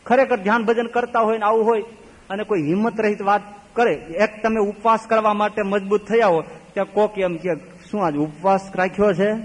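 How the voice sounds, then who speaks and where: A male swami giving a devotional sermon full of stories, swinging from loud exclaiming to low murmurs. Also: steady tone, fairly quick. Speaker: swami preacher. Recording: long hall reverb.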